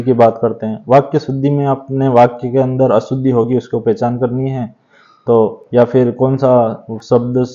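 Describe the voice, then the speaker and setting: Man teaching grammar, mellow and dull-toned. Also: mid-range voice. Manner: steady explanatory tone with frequent tag question "है ना". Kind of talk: exam revision lecture. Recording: dull lo-fi sound.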